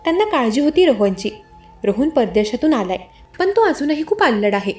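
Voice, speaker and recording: A woman voicing a patient young wife and elder sister in a spoken story, who speaks softly and quietly. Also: sits high, big pitch swings, a little fast, faint music behind. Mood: gentle. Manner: soft, hushed.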